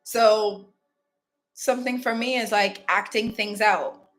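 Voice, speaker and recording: She takes it slowly, her mid-range voice fairly even in intonation and fairly bright in tone. A Ghanaian woman and spiritual self-help host, she offers a casual, candid, reflective motivational talk directly to viewers.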